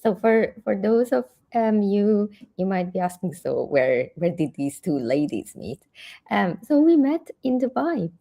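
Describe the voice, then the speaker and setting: A woman's voice: mid-range voice, big pitch swings, measured pace, creaky, dark tone. A woman from Hungary, a career coach chatting animatedly in an interview with frequent restarts. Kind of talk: casual interview chat.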